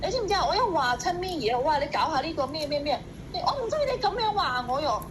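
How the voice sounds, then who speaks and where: A woman's voice: high-pitched, sing-song, fast talker, noisy background. A woman employer complaining on a phone call. She talks insistently and repeats herself. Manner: insistent, repetitive.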